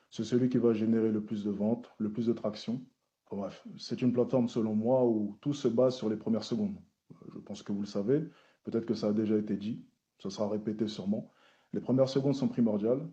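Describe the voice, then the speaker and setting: Dark-voiced man answering questions formally. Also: mid-range voice, muffled recording. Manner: measured, repeats key phrases, formal phrasing. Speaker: social media content creator testifying at a hearing.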